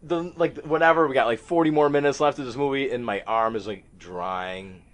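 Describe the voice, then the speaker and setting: A man's voice: medium pitch, fairly quick. A man hosting a podcast, telling a story among friends in a casual, profane, self-mocking way.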